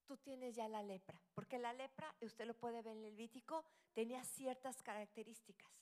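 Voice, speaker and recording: A woman's voice: on the high side, fairly even intonation, normal speed. Woman preaching with dramatic swings. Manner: dramatic, swings between loud exclamations and hushed whispers. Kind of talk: sermon.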